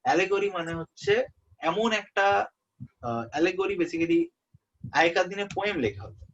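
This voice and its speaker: A young man tutoring a student for an exam in a relaxed way. He often checks that the student is following and repeats the key terms. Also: high-pitched, moderate pace. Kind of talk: informal exam-prep lesson. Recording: muffled lo-fi audio.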